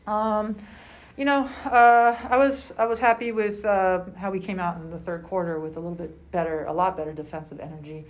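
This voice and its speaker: Measured woman coach, lowish voice. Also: fairly even intonation. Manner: measured, halting, many fillers. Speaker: basketball head coach. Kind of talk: postgame press conference answers. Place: small room indoors at a table.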